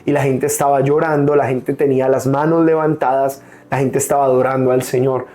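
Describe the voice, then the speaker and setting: A young man from Colombia preaching a sermon as pastor, earnest and personal, pausing often with "eh" as he gives his testimony. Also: mid-range voice, level tone, warm tone. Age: young adult.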